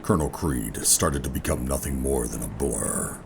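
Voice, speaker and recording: Over dramatic music and a noisy background, a male actor with a very deep, gravelly voice narrates and plays the lead in a noir sci-fi audio drama. As a bitter, defiant operative, he delivers first-person narration and dialogue in a brooding, deliberate way.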